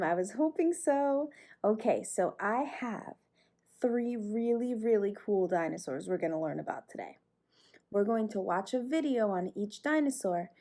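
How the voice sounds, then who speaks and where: A woman leading a lesson for young children in a broad, singsong presenter delivery, asking questions and pausing for answers. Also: mid-range voice, warm tone. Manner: asks questions and pauses for answers. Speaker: children's teacher leading a circle time.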